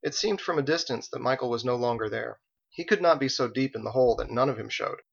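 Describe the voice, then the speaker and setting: A man narrating an audiobook in a measured, even reading. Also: medium pitch, vocal fry, breathy edge. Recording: dull, slightly lo-fi recording.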